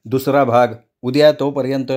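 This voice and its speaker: Man, storyteller, audiobook narration, measured, deliberate, mid pitch. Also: level tone, darkish tone.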